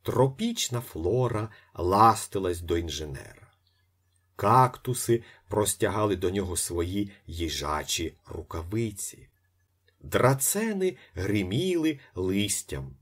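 Man, audiobook narration, slow, very lively pitch, husky. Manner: expressive, with lively pitch swings. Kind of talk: literary audiobook reading.

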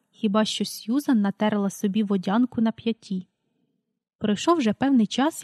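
A woman reading a children's story aloud in a calm, unhurried way, calling out page numbers as she goes. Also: on the high side, dry recording, studio quality. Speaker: audiobook reader.

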